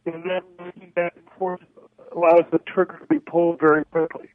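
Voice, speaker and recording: A man's voice: a little high, flat delivery, brisk. Man on a tinny phone line. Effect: over the phone. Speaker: guest.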